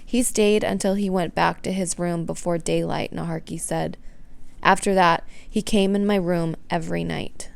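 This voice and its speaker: A woman's voice: on the low side, steady tone, moderate pace, vocal fry. A woman reading scripted narration for a news documentary as the reporter.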